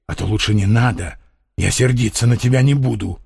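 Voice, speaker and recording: A man voicing a frantic, doomed male robber in an audiobook, wailing and pleading in a rough voice. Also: medium pitch, brisk, a little mellow, dry recording, studio quality. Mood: wild.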